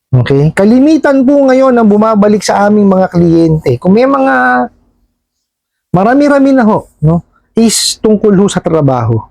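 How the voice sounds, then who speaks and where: A man's voice: high-pitched, sing-song, a little slow, creaky, a little mellow, no room sound. A man from a lending company talking casually to viewers, polite and explanatory, often checking in with "right?" as he goes. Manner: keeps asking "di ba?" and "no?", polite "ho" and "po".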